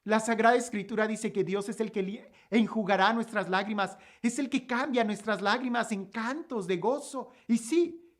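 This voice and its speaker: A woman giving a sermon-style gospel reflection, asking repeated rhetorical questions and swinging between emphatic lines and hushed, soft ones. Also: mid-range voice.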